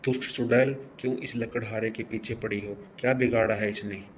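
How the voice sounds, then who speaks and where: A man playing a stern holy healer in a cartoon story, scolding forcefully over background noise. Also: on the low side, steady tone, fairly quick, lightly acted, rough recording. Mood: stern challenge. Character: stern holy healer confronting a wicked witch.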